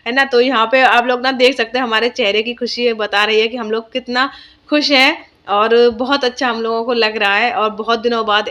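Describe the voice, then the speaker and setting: A woman's voice: a little high, sharp tone. A young woman vlogger, narrating her day in a chatty, homely way with lots of fillers. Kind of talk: casual vlog voice-over narration.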